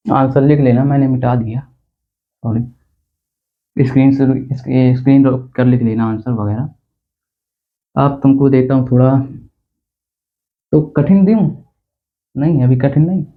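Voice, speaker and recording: A man's voice: medium pitch, fairly even intonation, unhurried, pauses often. A man teaching a basic math lesson in a chatty, teasing way, checking often that students follow. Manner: chatty, teasing, repeats "theek hai na" to check understanding. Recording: tinny phone-like sound.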